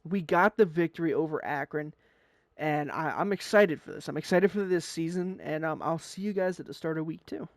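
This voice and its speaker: A man's voice: fairly high pitch, a little fast, dry recording. A young man with a slightly raised voice chats through his sports game as he plays. He rambles in an easy, upbeat way and stumbles over a word here and there. The sound is dry and close, recorded at a desk mic. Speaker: gaming YouTuber. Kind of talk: casual gameplay commentary.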